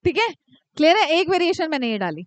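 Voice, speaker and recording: High-voiced teacher, dry close sound. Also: female voice, sing-song, no echo. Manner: scolds and teases students by name, dictates slowly. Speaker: commerce teacher. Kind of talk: live classroom lecture.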